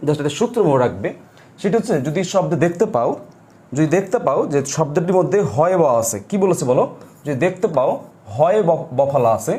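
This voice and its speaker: A man's voice: high voice, a little mellow. A man with a Bangladeshi Bengali accent teaching a pronunciation lesson, often asking his students questions and repeating the rule.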